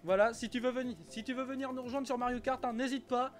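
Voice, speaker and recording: A man's voice: extremely high pitch, flat delivery, fast, faint music behind. A man streaming a kart racing game live, chatting casually with viewers, often stumbling and repeating himself and swearing now and then.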